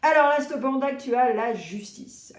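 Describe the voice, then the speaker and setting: A woman giving a casual, chatty tarot reading, expressive and animated, acting out little quoted exchanges. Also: high-pitched, normal speed, reverberant. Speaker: tarot reader.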